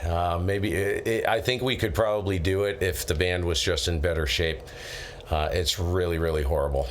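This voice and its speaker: During an amateur radio contest, a man operates his station and hosts a live stream, courteously giving call signs in phonetic letters along with procedural phrases. His voice sits low, with fairly even intonation and a moderate pace, over radio static.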